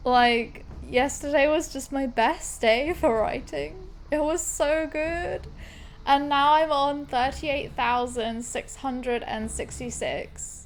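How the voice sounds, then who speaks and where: A woman's voice: a little high, slight background noise. A woman hosting a gaming video, chatting casually and informally as she plays. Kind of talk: casual chat while playing a game.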